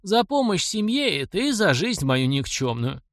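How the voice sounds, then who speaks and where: Humble, quavering old male servant, read by a male narrator, pitched up, dry close mic. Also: big pitch swings, normal speed, fairly bright tone, dry recording, full character voice. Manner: pleading and humble. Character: frail, tearful old male household servant.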